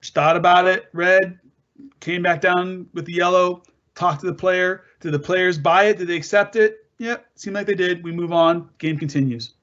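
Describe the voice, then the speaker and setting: A man's voice: high-pitched, steady tone, normal speed, fairly bright tone, highs cut off. A man teaching soccer referees as he narrates match clips, talking in a conversational way with rhetorical questions and frequent restarts. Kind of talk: narrated video presentation for referees.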